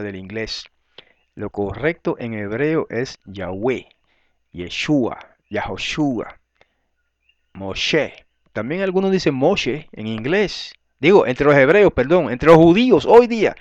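A man's voice: mid-range voice, no room sound, highs cut off. A man leading a Bible study class in a conversational way, reading verses aloud and often checking with his listeners. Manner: conversational, tag questions, frequent throat clearing. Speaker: Bible teacher.

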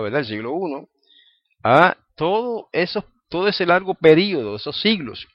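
A man teaching Hebrew in a religious talk, rambling and circling back over his words. His voice sits at an ordinary middle pitch. The recording is dull and dry, with no room sound. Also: dry recording. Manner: rambling, repeats words while searching for them. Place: home library.

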